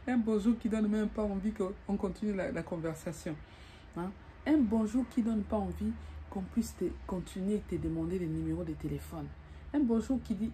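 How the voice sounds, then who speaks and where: A woman's voice: on the low side, a little hiss or hum. Chatty woman giving advice from bed. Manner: chatty, repeats tag questions, addresses viewer as darling; animated, acts out greetings. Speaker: vlogger giving dating advice. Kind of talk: casual advice monologue to camera. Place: bedroom, lying in bed.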